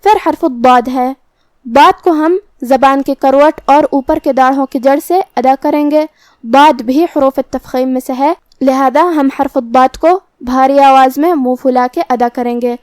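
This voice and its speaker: A woman teaching Quran recitation, explaining each letter methodically and then reciting the verses slowly. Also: sits high, a little mellow, no room sound.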